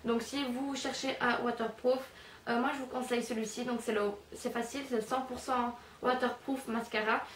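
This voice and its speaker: A young woman talks through her favourite products in a loose, rambling way, full of fillers and jokes at her own expense. Her voice sits a bit high and rings around a bare, echoey room, picked up from a little way off by the camera's own mic, with faint room hiss. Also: little pitch movement, moderate pace, recorded from a distance. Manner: chatty, rambling, self-mocking, many fillers. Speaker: beauty vlogger. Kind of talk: casual product review vlog. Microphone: camera's built-in mic.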